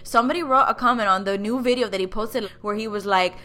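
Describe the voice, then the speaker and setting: Sassy bright-voiced woman. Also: mid-range voice, quick pace. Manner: sassy and teasing, mixing in Spanish. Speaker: co-host. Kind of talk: casual comedic chat.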